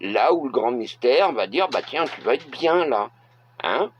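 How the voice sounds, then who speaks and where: A middle-aged man from France, giving a blunt opinion monologue to camera and pausing often to hesitate. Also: mid-range voice, animated, a little hiss or hum. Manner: blunt, halting with frequent filler hesitations. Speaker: vlogger. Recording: dull lo-fi recording.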